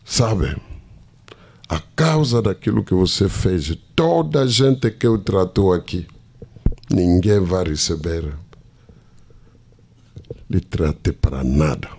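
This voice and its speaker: A man preaching, telling a story dramatically with hushed asides. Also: low voice, expressive, takes it slowly, creaky, pauses often, slight background noise. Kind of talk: storytelling sermon.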